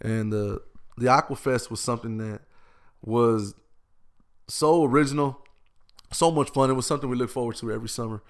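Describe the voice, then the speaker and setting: A man speaks as an interview guest, earnest and heartfelt. His talk rambles, with many restarts. His pitch sits squarely in the middle range. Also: brisk, long pauses. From Austin, Texas. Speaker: guest, youth gang-prevention worker. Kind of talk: casual conversational interview.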